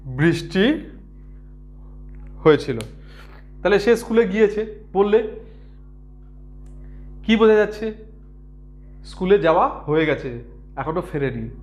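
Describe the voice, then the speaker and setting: High-voiced patient male teacher. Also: a little slow, pauses often, a little mellow, highs cut off. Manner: patient, repeats words and asks if students understand. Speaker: grammar teacher. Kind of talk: explanatory lesson.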